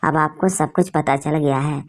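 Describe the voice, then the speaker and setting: A woman voicing a loving older sister who reassures her sibling gently. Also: deep voice, steady tone, moderate pace, natural voice. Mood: reassuring.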